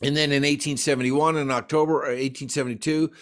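A man's voice: fairly high pitch, little pitch movement, quick pace. A man presenting a folklore talk at a library, walking through slides in a chatty, digressive way with wry asides. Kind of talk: slide lecture.

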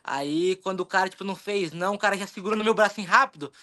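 Fast-talking young Brazilian man. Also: high-pitched. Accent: Brazilian Portuguese. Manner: animated, rambling, acts out his own thoughts. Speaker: jiu-jitsu athlete, interview guest. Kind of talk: casual storytelling interview.

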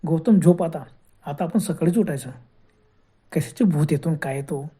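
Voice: medium pitch, normal speed, warm tone, breathy edge. A woman voicing a casual, coaxing young man in a spoken horror story. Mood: easygoing. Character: hungry easygoing young man.

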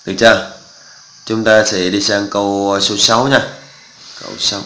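Guy teaching math, explains step by step, keeps checking students get it, bright voice. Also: fairly low pitch, level tone, normal speed, echoey room, slight background noise, rough recording. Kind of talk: exam walkthrough lesson.

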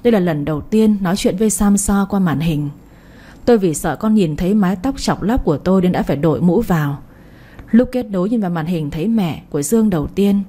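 A woman reading a late-night romance story in the first person, soft and emotional. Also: fairly low pitch, expressive, fairly quick. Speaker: audiobook storyteller.

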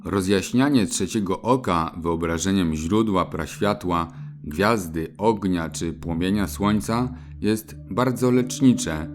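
A man giving a solemn, measured scripted narration as a spiritual teacher. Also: low voice, music in the background. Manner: slow, measured, solemn delivery.

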